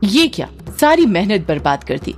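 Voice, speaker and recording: A woman's voice: mid-range voice, sing-song, normal speed, darkish tone, faint music behind, lightly acted. A woman voicing a stern, pushy middle-aged mother who scolds sharply, in a spoken storybook. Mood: angry.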